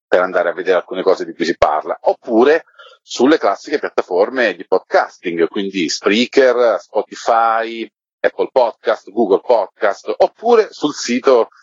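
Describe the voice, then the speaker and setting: The interviewee is a podcast curator whose low voice carries a breathy edge. He gives rambling, explanatory replies in a relaxed conversation, captured on a roomy, dull lo-fi line.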